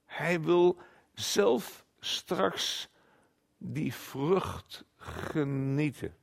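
Middle-aged male preacher, rises to loud declaiming, drops to slow hushed emphasis, gravelly edge. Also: a little high, expressive. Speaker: guest preacher. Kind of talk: sermon.

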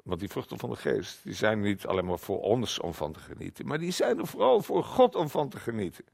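Middle-aged male preacher, rises to loud declaiming, drops to slow hushed emphasis, gravelly edge. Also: fairly low pitch, sing-song. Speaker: guest preacher. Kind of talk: sermon.

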